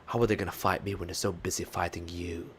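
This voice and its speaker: A man voicing a suave, menacing male devil in a low, hushed, smug tone. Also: steady tone, fast, vocal fry, husky, exaggerated voice.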